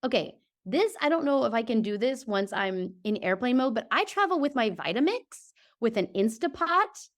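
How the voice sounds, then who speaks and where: A woman's voice: on the high side, moderate pace, few pauses. A woman from Georgia in the US, a podcast guest on a video call, talking emphatically and checking in with her listener as she goes. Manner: emphatic, lively, keeps checking in with "okay?". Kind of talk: casual interview chat.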